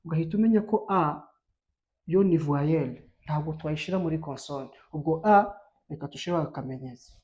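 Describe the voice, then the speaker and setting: A woman from Rwanda teaching a bilingual French lesson, slow and emphatic, stressing each letter she spells out. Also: low voice, darkish tone, dull audio.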